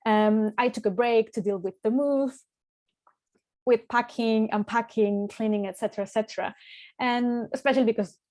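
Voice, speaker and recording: Mellow-voiced woman hosting a reflective workshop. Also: a little high, fairly even intonation, moderate pace. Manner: reflective, searching for words, repeats words as she goes. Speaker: workshop host and spiritual coach. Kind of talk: live online workshop talk.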